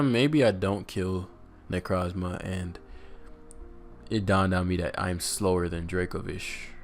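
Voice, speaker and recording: A man with a very low, gravelly voice talks through his competitive match as he plays. He thinks aloud in a loose, casual way, muttering and trailing off with plenty of ums. Faint music plays behind him. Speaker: competitive game player and commentator. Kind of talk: casual live gameplay commentary.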